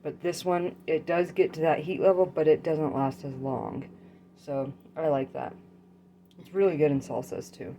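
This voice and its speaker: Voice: medium pitch, fairly even intonation, normal speed, dark tone, slight background noise. Matter-of-fact co-host, casual vlog. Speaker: co-host tasting peppers.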